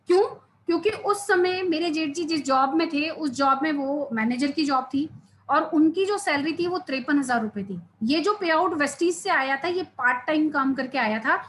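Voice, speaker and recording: Woman, high voice, earnest seminar testimony, faint hum behind. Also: a bit bright. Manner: earnest storytelling, addressing the audience directly. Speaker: seminar speaker.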